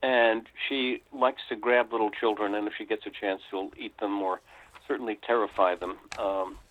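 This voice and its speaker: An older man from the United States, a guest author telling a story reflectively with frequent pauses, heard over a tinny phone line. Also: on the low side, fairly even intonation, no room sound. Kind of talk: storytelling interview.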